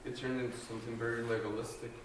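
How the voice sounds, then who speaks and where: Before an audience in a large, echoey room, a young adult Guatemalan student earnestly recounts his personal faith testimony, hesitating, pausing often, restarting sentences and filling gaps with ums. His medium-pitched voice shows little pitch movement. With no mic, only a distant recorder, he sounds far away against faint ambient noise.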